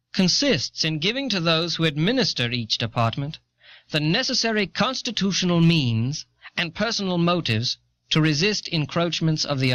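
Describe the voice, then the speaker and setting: On a dull, dry old audio cassette, a man portrays an earnest eighteenth-century American statesman. He reads historical writings in formal, deliberate oratory, his voice fairly high and fairly bright.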